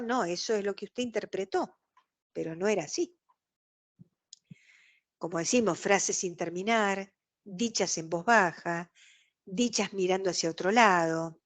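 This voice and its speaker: A woman with a Rioplatense Spanish accent, giving an explanatory online lecture over a video call and acting out quoted exchanges. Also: medium pitch. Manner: explanatory, acts out quoted dialogue.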